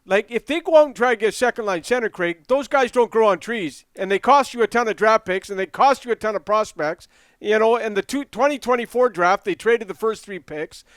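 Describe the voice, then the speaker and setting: A man's voice: high-pitched, a little fast, a bit bright, clean tone, no echo, studio quality. A man co-hosting sports radio, asking long rambling questions. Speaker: radio co-host.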